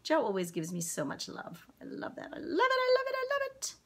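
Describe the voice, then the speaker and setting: A forties-aged Zimbabwean woman sings and chats on a live kids' stream, speaking slowly and cheerfully and greeting viewers by name with affection. Her high voice swings widely in pitch, a bit bright and slightly rough. She's at home in a room with plants and curtains, on a webcam set at desk distance.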